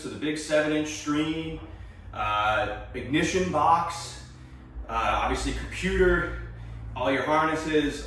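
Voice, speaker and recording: A man's voice: medium pitch, fairly bright tone, reverberant, slight background noise. A young man hosting a casual garage vlog, chatty and rambling with lots of fillers, a bit out of breath. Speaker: garage channel host. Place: home garage.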